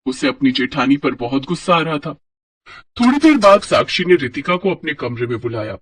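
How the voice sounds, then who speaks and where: Guy reading a story out, husky kinda high voice, far from the mic. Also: normal speed. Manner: steady storytelling. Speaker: narrator. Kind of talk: scripted story narration.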